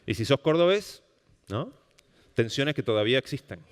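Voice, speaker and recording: A man with an Argentine Rioplatense accent giving a public lecture, animated and often checking in with the audience. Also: medium pitch, moderate pace. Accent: Rioplatense Spanish. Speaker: speaker giving a public talk on language. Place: lecture hall at a cultural center. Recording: long reverb of a hall.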